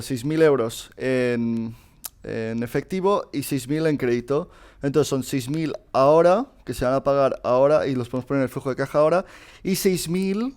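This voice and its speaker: Man explaining exam step by step, smooth voice. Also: medium pitch, a little mellow. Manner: informal, addresses students directly, frequent fillers and restarts. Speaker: teacher solving a past exam. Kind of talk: casual screen-recorded lesson.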